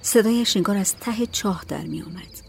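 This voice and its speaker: A woman narrating a story in a calm, measured audiobook reading. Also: medium pitch, creaky, faint music behind.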